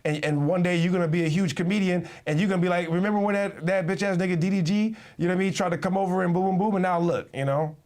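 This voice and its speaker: Fast-talking man on a video call. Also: high-pitched. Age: 30s. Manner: fast, animated, lots of restarts and slang. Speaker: host. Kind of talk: casual online chat.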